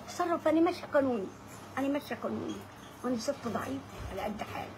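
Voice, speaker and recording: An Egyptian woman in her sixties pleads her case in a high, rapid voice. She keeps repeating the same short phrases. A loud, noisy background runs under her. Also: expressive. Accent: Egyptian Arabic. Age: 60s. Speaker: interviewee, widow. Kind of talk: emotional street interview.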